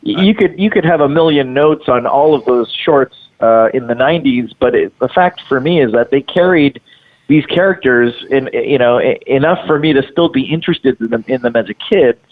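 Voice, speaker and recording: A man in his late thirties, a guest voice actor, talking haltingly with many fillers in a casual interview. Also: mid-range voice. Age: 30s. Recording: tinny phone line.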